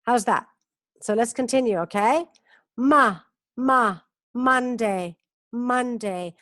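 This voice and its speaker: A woman teaching an English class over a video call. She drills each word slowly, stretches the sounds and keeps checking with "ok?". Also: fairly high pitch, fairly bright tone, no echo, clean studio sound. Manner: slow, drawn-out pronunciation drills with frequent "ok?" checks. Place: community centre in Barcelona.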